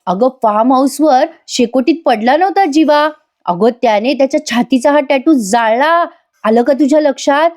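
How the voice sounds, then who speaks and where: An eager, scheming young woman presses insistently for answers, voiced by a woman narrator. The voice stays a bit high and urgent. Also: normal speed, a little mellow, close to an everyday voice.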